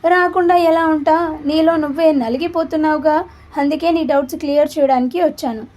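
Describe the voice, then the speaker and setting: Brief: sly male inner-voice double, playful and slow; woman narrator does him. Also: sits high, steady tone, a little mellow, lightly acted. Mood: teasing. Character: man's mocking conscience, his teasing double.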